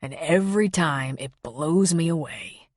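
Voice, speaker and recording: A woman voicing a grown man with a husky, gravelly voice and a low, intimate, unhurried way of talking. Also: darkish tone, dry recording, clean studio sound.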